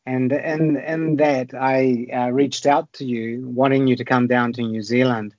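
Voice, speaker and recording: A man's voice: medium pitch, level tone, a little slow, darkish tone, no room sound. A man hosting an interview over a call, talking in an upbeat, casual way and stumbling over repeated words. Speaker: podcast host. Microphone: remote call. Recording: dry, dull call audio.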